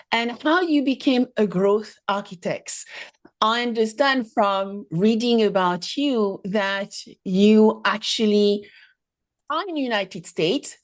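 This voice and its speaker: A woman hosting a podcast, introducing her guest and asking questions in a measured way. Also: a little high. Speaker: podcast host.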